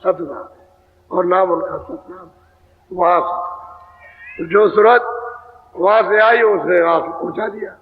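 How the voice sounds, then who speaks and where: A man giving a devotional sermon, explaining verses slowly and repeating phrases as he teaches. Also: high-pitched. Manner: slow, repetitive expository preaching, prompting chanters. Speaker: spiritual teacher giving satsang. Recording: echoey hall over a tinny lo-fi line.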